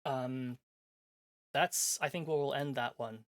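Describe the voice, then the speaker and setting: A man with a mid-range voice and fairly even intonation chats slowly and casually on a game livestream, reading a visual novel aloud in a rambling, self-deprecating way. Background music plays behind him.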